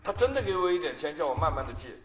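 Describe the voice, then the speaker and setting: A man's voice: fairly high pitch, very animated, racing, slight background noise. A male pastor, giving an emotional testimony sermon with emphatic storytelling.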